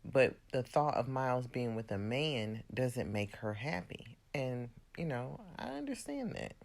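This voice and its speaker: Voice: medium pitch, a little slow. A chatty recap host retelling a reality TV episode in a casual, opinionated way, full of "like" and "you know". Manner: loose, conversational with frequent "like" and "you know".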